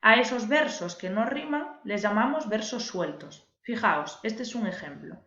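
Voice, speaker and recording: A woman's voice: on the high side, animated, unhurried, a bit bright. A woman teacher, patiently explaining a lesson and stressing key words for her viewers. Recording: echoey room, dull lo-fi sound.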